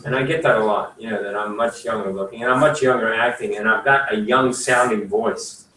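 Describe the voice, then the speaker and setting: Speaking a little fast in a lowish, pushed, bright voice, this sixty-something lawyer rambles folksily at a career session, full of fillers. He's in a room at a career services office, captured from afar in echoey space with light hiss.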